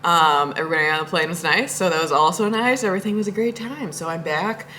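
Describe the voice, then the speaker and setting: A woman's voice: on the low side, fast, pushed and bright, a little hiss or hum. A woman vlogging from her home, telling rambling stories in a chatty way and laughing often. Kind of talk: casual storytelling vlog.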